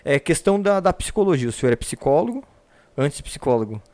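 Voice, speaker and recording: A man's voice: on the high side, sing-song, quick pace, mellow. A man from Paraná hosting a church podcast, rambling and repeating words, respectful toward his guest. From Paraná, Brazil. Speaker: podcast host.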